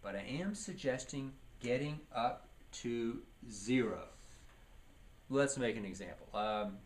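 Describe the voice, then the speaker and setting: Giving a leadership training lecture, a man asks questions and answers them himself, putting emphasis on key words. He speaks slowly and expressively at medium pitch, over a clearly noisy recording.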